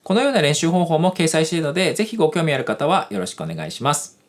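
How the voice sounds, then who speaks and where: Man, guitar teacher, quick and lively delivery, polite explainer, guitar playing behind. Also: fairly high pitch, background noise. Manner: polite, explanatory, with casual fillers. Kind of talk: scripted lesson narration. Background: guitar music.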